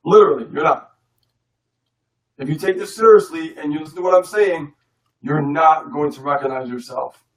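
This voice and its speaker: A man's voice: fairly high pitch, moderate pace, pauses often, distant mic, rough recording. A man co-hosting a live online business webinar, coaching listeners in a casual, emphatic motivational way and repeating his key points.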